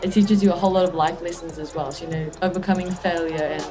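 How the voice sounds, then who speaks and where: A woman's voice: on the low side, steady tone, fast talker, music in the background, crowd noise. A young woman from New Zealand with a New Zealand accent, a college basketball player answering interview questions in an easygoing, thoughtful way. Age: young adult.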